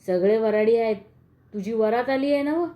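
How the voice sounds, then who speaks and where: A woman's voice: on the high side, moderate pace, warm tone, natural voice. A woman voicing a sinister older village woman who coaxes and mocks a young bride in a horror story. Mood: coaxing, sinister.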